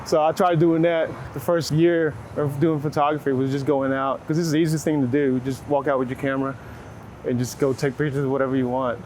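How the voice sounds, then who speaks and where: The audio is poor, but you can hear a mid-range, darkish male voice with a level tone, talking a little fast. He's a photographer from Waco, Texas, casual and reflective in an interview, hedging informally with frequent "like." He's outdoors on a city street, with clear street and traffic noise, passing vehicles, and urban ambience behind him.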